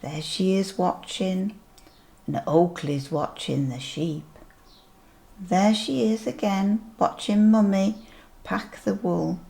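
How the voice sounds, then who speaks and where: A sweet grandmotherly older woman reading a picture book aloud to young children, gently pointing things out as she goes. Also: medium pitch, steady tone, creaky. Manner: slow, deliberate storytelling with asides.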